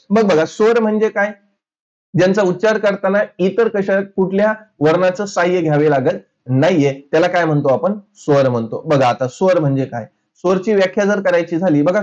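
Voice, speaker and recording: A man's voice: sits high, darkish tone, muffled recording. A man teaching a grammar lesson who keeps asking the class questions and answering them himself, repeating each key term. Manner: switches between Marathi and Hindi definitions. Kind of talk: classroom lecture.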